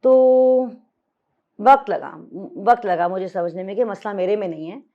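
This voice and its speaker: A woman's voice: mid-range voice, measured pace, phone-quality sound. A woman in her fifties, a podcast guest, speaking candidly and reflectively in a mixed Hindi-Urdu and English conversation, with emphatic repetition. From Pakistan.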